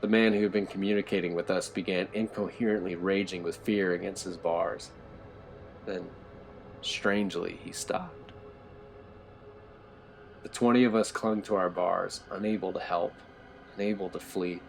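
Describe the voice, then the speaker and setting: Gravelly low-voiced male horror narrator. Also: fairly even intonation, moderate pace, slight background noise. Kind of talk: scripted horror story narration.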